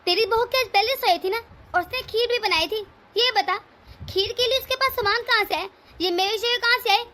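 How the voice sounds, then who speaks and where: A woman's voice: very high-pitched, a little fast, sharp tone. A woman doing a bossy old cartoon mother-in-law. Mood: scolding. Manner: scolding, domineering, melodramatic. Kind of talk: cartoon voice acting.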